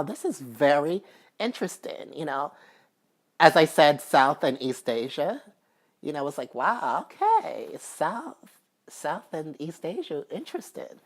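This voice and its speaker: A woman vlogger talks casually and at length to camera in a low, sing-song voice at a measured pace. She's chatty and repetitive, uses many fillers, and turns emphatic when making a point.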